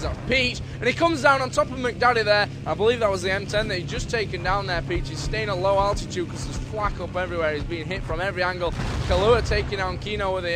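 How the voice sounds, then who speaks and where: A man co-commentating a live video game match, excitable and correcting himself as he goes. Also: sits high. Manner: excitable, self-correcting play-by-play.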